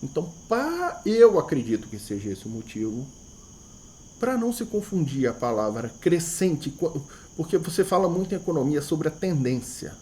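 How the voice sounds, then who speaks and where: A man's voice: on the high side, sing-song, normal speed, warm tone, a little hiss or hum. A man teaching a math lesson, thinking aloud, repeating key words and asking himself rhetorical questions, with a Brazilian Portuguese accent. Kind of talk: explanatory video lesson.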